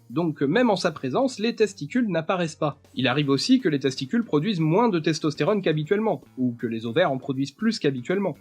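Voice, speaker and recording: A man narrating a scripted educational video in a steady explanatory way, sometimes posing rhetorical questions. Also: high voice, breathy edge.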